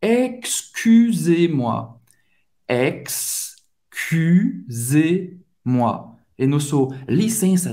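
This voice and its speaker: A French teacher hosting his channel, a native speaker with a French accent, demonstrates pronunciation by stretching out each word in slow, drawn-out drills. His voice is on the high side with a darkish tone.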